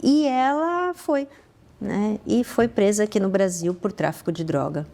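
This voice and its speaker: On a conversational podcast, the founder of a social fashion project tells her stories earnestly in a mellow, medium-pitched voice, speaking a little slowly. She has a Brazilian Portuguese accent, restarts frequently, and her emphasis rises abruptly.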